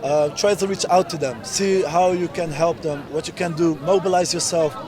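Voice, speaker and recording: A man's voice: on the high side, fairly even intonation, moderate pace. A man in his twenties from the Netherlands, interviewed at an outdoor street protest, speaking earnestly and emphatically in short insistent phrases. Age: 20s. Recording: outdoor street recording with loud crowd. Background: crowd of protesters.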